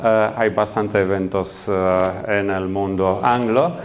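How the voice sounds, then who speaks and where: A middle-aged Romanian man with a Romanian accent gives a keynote talk in a conference hall, often hesitating with fillers. His voice is fairly low and steady, at a slow pace, with slight background noise.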